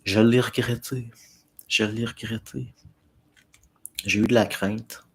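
On a livestream, a middle-aged Québécois French-accented man talks to chat, replying to viewer comments in a loose, rambling way with lots of fillers and false starts. His voice sits on the low side, steady and slow, with vocal fry and some breathiness.

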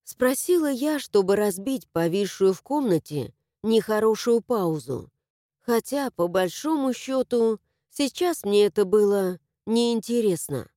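A woman narrating a fantasy novel in the first person, expressive and emotional. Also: medium pitch, a little slow, no echo, studio quality. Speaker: audiobook narrator.

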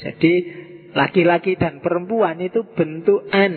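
A man with a Javanese accent lectures on philosophy in a relaxed, joking way, tossing rhetorical questions at his listeners. His voice sits a little high and sounds husky. It carries a long hall echo through a thin, phone-like recording. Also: moderate pace. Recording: echoey hall over a tinny lo-fi line.

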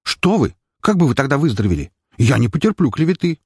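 A man's voice: fast talker, breathy edge, no room sound, studio quality. A man voicing a flustered, evasive middle-aged male doctor who speaks in a nervous, raised voice. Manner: nervous, high-pitched and excited.

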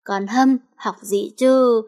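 A woman's voice: a little high, fairly even intonation, slow pace, darkish tone. A woman voicing a lazy teenage girl who talks in a drowsy, dismissive way.

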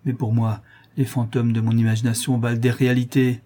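A man's voice: mid-range voice, level tone, brisk, warm tone, natural voice. A man voicing a raving, delirious notary. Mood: feverish pleading. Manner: feverish, pleading then menacing. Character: raving delirious middle-aged male notary.

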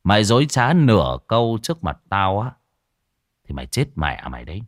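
A man voicing a stern, menacing young male exorcist in a ghost story, growling threats in a low voice. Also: very animated, brisk, no room sound, studio quality. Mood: cold.

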